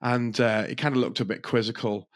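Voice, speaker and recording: A man's voice: medium pitch, little pitch movement, a little fast, dry recording. A man co-hosting a podcast, telling rambling, self-deprecating stories in casual chat. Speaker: podcast co-host. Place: indoor podcast studio, filmed.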